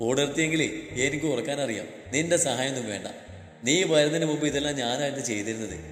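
A man playing a gruff, stubborn young husband. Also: medium pitch, fast talker, lightly acted. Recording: echoey room with long reverb, faint music.

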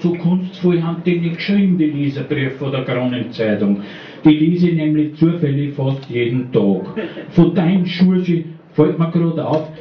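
A man's voice: a little high, slight background noise. A man performing a dialect poem at a slam, telling it with dry wit. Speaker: slam poet. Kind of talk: dialect poetry reading. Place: small bar at a live poetry slam. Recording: roomy, distant, dull live recording.

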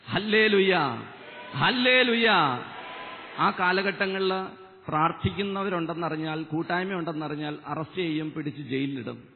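A man in his thirties giving an impassioned testimony at a Bible convention on stage, into a stand microphone, swinging between loud and soft. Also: fairly high pitch. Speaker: lay preacher giving testimony. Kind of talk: fervent convention sermon. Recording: echoey convention hall, tinny narrow broadcast.

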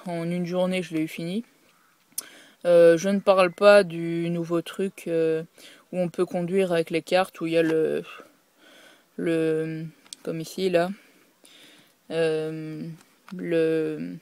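A woman talks through her collection in a relaxed, casual presentation, stopping often with fillers and restarting her sentences. Her voice is mellow and warm, and the sound is dry and close. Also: fairly low pitch, no room sound. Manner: hesitant, many fillers and restarts. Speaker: video creator showing her game collection.

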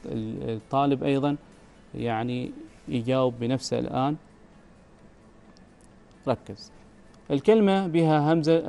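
A patient male teacher from Oman with an Omani Arabic accent walks students through a grammar rule at a steady mid pitch. He repeats each question before answering it. Faint music plays under his voice. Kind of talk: recorded Arabic grammar lesson.

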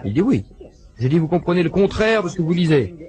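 A man voices a translated lecture in a slightly raised voice, telling its stories fast and with lively pitch swings. His delivery is animated storytelling, and he acts out every quoted exchange.

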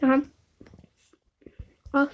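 A young gaming host giving excited gameplay commentary, often shouting and wailing as he talks straight to his viewers. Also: extremely slow, slight background noise. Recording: dull lo-fi recording.

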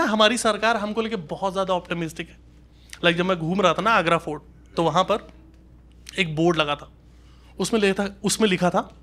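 With a high, fairly bright voice, a comedian from Uttar Pradesh, India, tells observational stories live on a small indoor club stage. He keeps it colloquial and conversational, acting out dialogue in his anecdotes through a handheld stage mic. The recording captures the club's audience laughter and noise.

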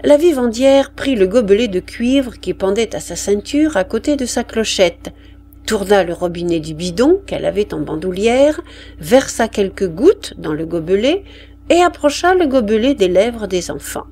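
A woman reading a classic story aloud slowly and expressively for language learners. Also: mid-range voice, slight background noise. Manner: expressive, deliberate.

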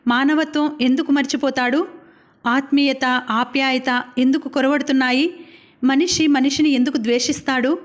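A woman narrating a novel as an audiobook, in a measured, reflective reading. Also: high voice.

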